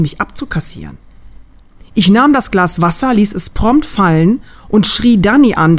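A woman reading a humorous short story aloud in a lively, dramatic way. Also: medium pitch.

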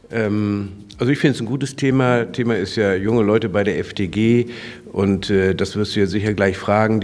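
A man's voice: on the low side, darkish tone. A man co-hosting a podcast who talks in a thoughtful, rambling way with many hesitations. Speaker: podcast co-host. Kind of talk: casual interview chat. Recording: roomy recording.

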